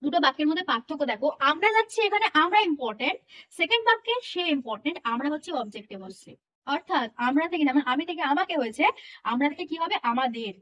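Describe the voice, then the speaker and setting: A woman's voice: high-pitched, expressive, fast talker, a bit bright. A young woman patiently explaining English grammar in a lesson, often checking that her listeners follow. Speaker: English teacher.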